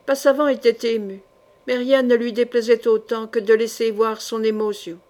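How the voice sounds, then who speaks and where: Narratrice à la voix assez haute. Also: female voice, a little high, little pitch movement, moderate pace, a little mellow. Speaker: audiobook narrator. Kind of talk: scripted narration of a historical novel.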